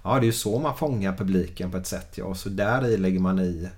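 A man with a fairly low voice speaks thoughtfully in a relaxed chat. He agrees easily and often answers in short affirmations. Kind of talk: casual chat.

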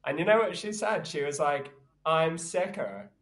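A man with a croaky voice from being sick, chatting casually as a podcast co-host with mock-dramatic, boastful storytelling. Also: a little high, brisk.

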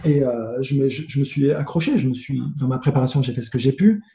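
A man with a very dark, mellow voice tells his story in a relaxed, animated way, full of restarts and swearing. The room around him is echoey, the sound of a remote call. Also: medium pitch, quick pace. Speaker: guest, former tennis player. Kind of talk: casual storytelling. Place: home with noise nearby. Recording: roomy echo.

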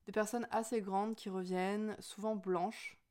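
A woman's voice: medium pitch, flat delivery, unhurried, a little mellow. A young woman of Spanish and Portuguese family speaking in a personal, reflective monologue, hesitant with many fillers and restarts.

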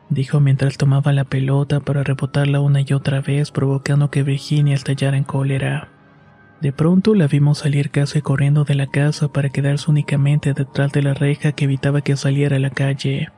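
Flat, dark-voiced man narrating horror. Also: mid-range voice, slightly rough, soft background music. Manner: steady, unhurried storytelling. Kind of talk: scripted horror story narration.

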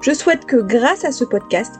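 A woman hosting a podcast language lesson, explaining pronunciation clearly and slowing down to spell out examples. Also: a little high, soft background music. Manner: lively, clear teaching with slow, spelled-out examples. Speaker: French teacher and podcast host.

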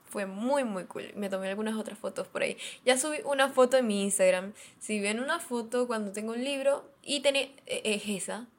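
A young woman, hosting a podcast and telling casual personal stories in a chatty, animated way, often repeating phrases for effect. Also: fairly high pitch, fairly quick, hardly any pauses. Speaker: podcast host. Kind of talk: casual storytelling chat.

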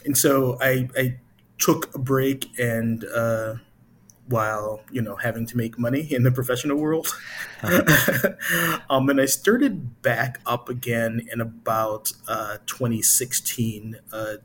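A man's voice: mid-range voice, a little hiss or hum. A middle-aged man from Chicago with an American accent, talking hesitantly and casually as an interview guest. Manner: halting, hesitant, thinking aloud. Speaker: interview guest, improv company founder.

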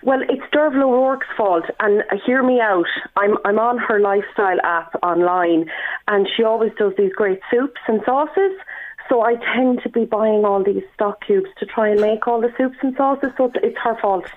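A woman's voice: fairly high pitch, moderate pace. A middle-aged Irish woman chatting casually and anecdotally as a caller to a radio show. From Ireland, born in the north, lives in Galway. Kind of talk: casual chat. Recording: phone-like radio call-in line.

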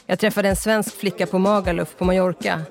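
A reader doing a chatty Scottish pub owner. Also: male voice, high voice, flat delivery, vocal fry, faint music behind. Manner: chatty, slips English phrases into his talk. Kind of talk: audiobook character voice.

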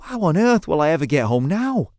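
A man's voice: mid-range voice, big pitch swings, brisk, no echo, studio quality, close to an everyday voice. A man voicing an earnest, curious adult space captain who talks in a raised, eager voice. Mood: anxious.

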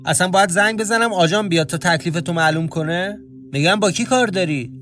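A man's voice: high-pitched, fairly bright tone, soft background music. A man voicing a nosy old neighbor in his seventies who questions people curtly and with open suspicion, in an audio horror story. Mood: threatening. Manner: curt and interrogating.

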